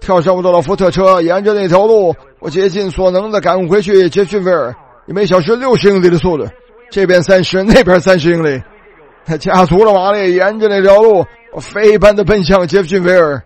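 A male preacher telling a story in a sermon, animated and repetitive, retelling dialogue as he goes. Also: high-pitched, a little fast, soft background music.

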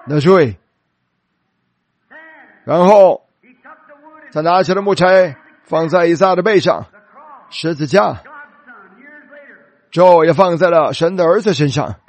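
A man preaching a sermon, telling a story dramatically and slowing down for emphasis. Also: sits high.

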